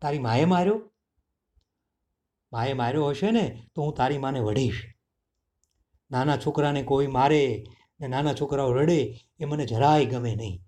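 A man's voice: mid-range voice, normal speed, long pauses, warm tone, slight background noise, close to an everyday voice. A man voicing a hungry, sly male jackal in a storybook reading, speaking in a falsely sweet, wheedling way.

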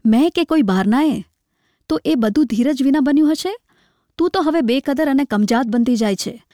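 A woman reading a story aloud, voicing a poor, starving village man who is proud, bitter and quick to lash out in scornful outbursts. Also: high voice, lively intonation, mellow, no room sound, studio quality.

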